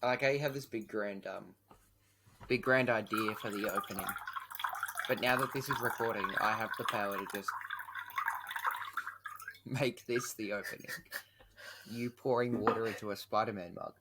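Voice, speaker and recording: A man's voice: fairly low pitch, fairly even intonation, moderate pace, pauses often, heavy background noise. A young man co-hosting a casual podcast, teasing his friend and rambling as he talks. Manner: teasing, rambling with fillers and restarts. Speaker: podcast co-host.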